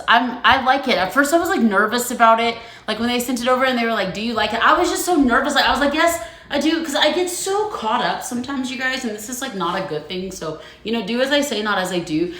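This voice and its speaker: A woman's voice: fairly high pitch, a bit bright. A woman author chatting casually on a phone livestream at home, rambling and laughing often. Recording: roomy echo.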